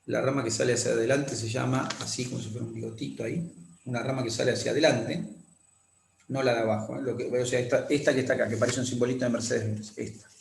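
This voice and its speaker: A man lecturing on anatomy, explaining slowly, repeating key terms and often checking that students follow. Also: mid-range voice, steady tone, creaky, a little hiss or hum. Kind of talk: classroom lecture with drawing demonstrations. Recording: echoey room.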